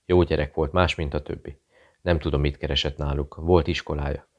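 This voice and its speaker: A man's voice: a bass voice, fairly even intonation, darkish tone, highs cut off. A man reading a nervous, secretive Serbian barkeeper who speaks in clipped, broken phrases. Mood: fearful.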